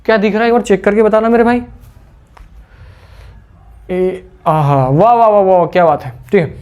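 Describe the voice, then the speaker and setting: A man's voice: sits high, normal speed, a little mellow, smooth. A male teacher giving a classroom physics lecture, teasing imagined students, repeating key terms and quizzing the class, with English terms mixed in. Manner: mixes English terms into speech.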